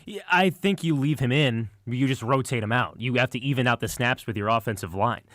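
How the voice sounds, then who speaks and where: A man co-hosts sports talk radio, explaining his analysis in an earnest, conversational way and occasionally tripping over words. His medium-pitched voice is a little fast and slightly bright. The recording is dry, captured on a close studio mic.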